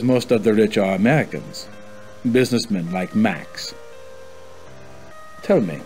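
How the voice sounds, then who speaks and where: A man voicing a haughty German colonel in a video game, with a German accent and a measured, stiffly polite, condescending manner. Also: medium pitch, a little mellow, natural voice, low-quality recording. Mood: probing. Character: formal, haughty, probing German colonel and imperial official. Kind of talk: video game character acting.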